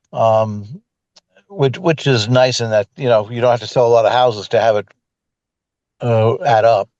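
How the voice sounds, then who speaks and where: A man on a video call asks a long question in a halting way, often stopping and restarting. His audio is dry and a bit muffled, like a cheap call mic. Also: medium pitch, darkish tone, no room sound. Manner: halting, hesitant, many restarts. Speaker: caller, new agent.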